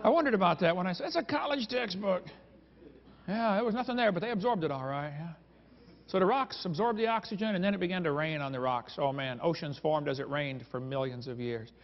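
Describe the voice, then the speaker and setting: A man with a fairly high voice lectures a live crowd, cracking sarcastic jokes and chuckling as he tells his stories. His voice rings out with a long reverb in a big hall. The sound is dull and lo-fi. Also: fast. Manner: joking, sarcastic storytelling with chuckles. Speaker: creationist speaker. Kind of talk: humorous lecture to a live audience.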